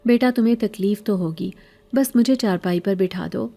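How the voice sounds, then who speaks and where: A woman's voice: medium pitch, warm tone, lightly acted. A woman voicing a middle-aged beggar woman in a horror story, pleading and sweet-sounding, later harsh and scolding.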